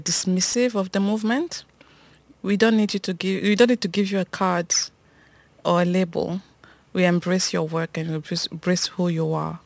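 A woman's voice: fairly low pitch, gravelly, no room sound. A woman from Cameroon co-hosting a podcast, talking casually and reflectively, with frequent restarts and hesitations. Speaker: podcast co-host. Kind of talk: casual conversation between friends.

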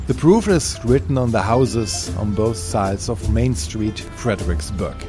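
A man narrating a documentary voice-over in a calm, explanatory way. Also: fairly low pitch, a little slow, music in the background.

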